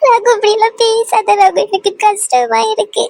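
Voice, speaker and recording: A very high-pitched, gravelly voice of an insecure young woman in a cartoon , as a performer plays her. She sounds tearful, pleading and blaming herself, recorded dry and close. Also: little pitch movement, normal speed, a little mellow, no echo, low-quality recording. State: crying.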